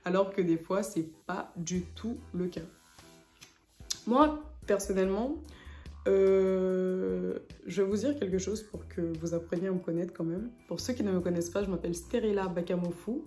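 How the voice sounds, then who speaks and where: A young woman from French Guiana talks casually to her camera, pausing often with fillers. Her voice is mellow and slightly low, and she speaks slowly. The room is echoey. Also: soft background music. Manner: hesitant, many fillers. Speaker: vlogger.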